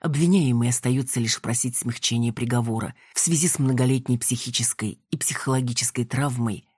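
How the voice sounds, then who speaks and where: A man reading a first-person audiobook in a measured, steady way. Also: medium pitch, breathy edge, no echo, clean studio sound. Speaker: audiobook narrator.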